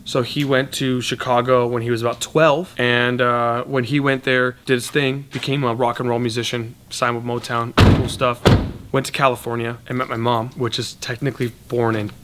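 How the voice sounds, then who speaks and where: A man's voice: mid-range voice, level tone, normal speed, fairly bright tone, a little hiss or hum. An American car builder chatting in a shed, joking and rambling through his answers. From United States. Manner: joking, rambling, trails off and restarts. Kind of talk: casual chat.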